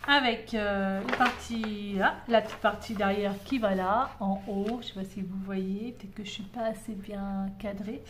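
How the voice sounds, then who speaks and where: A woman's voice: mid-range voice, fairly even intonation, normal speed, hardly any pauses, background noise. A woman vlogger chatting at home, enthusiastic and full of hesitations as she shows her craft kits. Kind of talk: casual show-and-tell chat.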